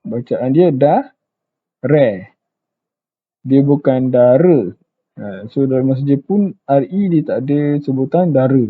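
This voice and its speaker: A man with a Malaysian accent gives a relaxed language lesson, saying each word slowly and repeating it carefully. He speaks in an unhurried, easygoing way. The sound is thin and tinny, like it comes over a phone line. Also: mid-range voice, breathy edge. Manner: repeats words slowly and carefully, many fillers like okey. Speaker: Japanese language teacher. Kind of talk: casual online language lesson.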